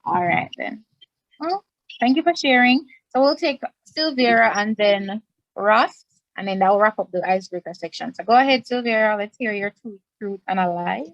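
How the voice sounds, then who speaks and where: A woman hosting a club meeting over a video call, chatty and quick to laugh. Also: mid-range voice, no room sound. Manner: chatty, laughs easily, second-guesses herself. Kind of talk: casual online meeting hosting. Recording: dull lo-fi online call audio.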